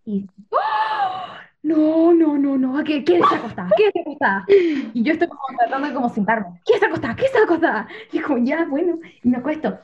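Lively young woman telling a story. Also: high voice, a little fast. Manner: animated, laughing while telling a story. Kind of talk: casual chat. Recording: dull lo-fi sound with faint noise.

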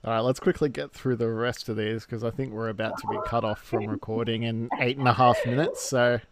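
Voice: medium pitch, fairly even intonation, fairly quick, heavy background noise. A podcast co-host, running a quiz in a laid-back, chuckling way. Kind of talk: casual chat.

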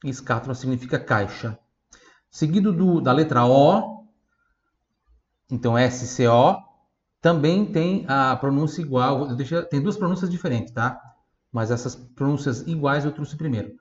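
A man teaching Italian pronunciation on a podcast, spelling out words and repeating them slowly for listeners to copy. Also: medium pitch, reverberant. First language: Portuguese. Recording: slightly dull lo-fi audio.

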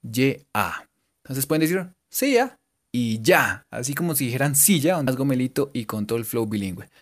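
A man giving a casual, joking English lesson and repeating English words slowly for his students. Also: mid-range voice, sing-song. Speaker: English teacher. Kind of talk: casual bilingual language lesson.

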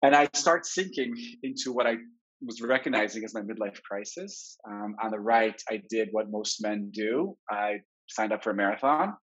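A man in his forties from Israel, a therapist giving a webinar talk, telling his own story in a candid, reflective way, heard through low quality webinar stream audio. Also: animated, moderate pace, fairly bright tone. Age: 40s. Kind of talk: personal storytelling lecture. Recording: dull lo-fi webinar recording.

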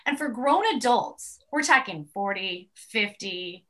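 A woman's voice: mid-range voice, animated, unhurried, pushed and bright. A woman from New York City, a mother and activist, talking earnestly as a guest in a casual interview from her home, with many fillers.

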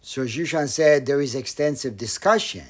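A man giving a Buddhist dharma talk, slow and reflective, with pauses and some phrases dropped almost to a whisper. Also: medium pitch. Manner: slow, pausing, with soft near-whispered phrases. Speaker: meditation teacher.

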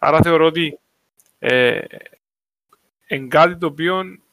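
Male, Cypriot Greek accent, bright forward voice, casual discussion, dry close sound. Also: fairly high pitch, no echo. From Cyprus.

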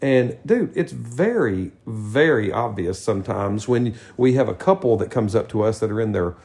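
A man's voice: on the low side, lively intonation, normal speed, darkish tone. A man, co-hosting a podcast in casual, rambling chat. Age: 50s. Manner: rambling, restarts sentences often. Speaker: podcast co-host.

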